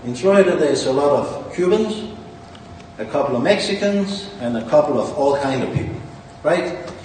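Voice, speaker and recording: This Danish-accented founder's voice sits on the high side yet sounds darkish, with lively intonation and a moderate pace as he boasts and rambles. The distant mic in the echoey hall records faint ambience and slight background noise.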